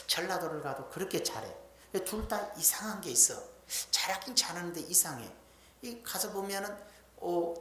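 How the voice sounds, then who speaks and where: Woman preaching a sermon, low voice, folksy and blunt, big echo like a church sanctuary. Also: a bit bright, a little hiss or hum. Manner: folksy, emphatic storytelling with blunt colloquial talk. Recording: echoey church hall.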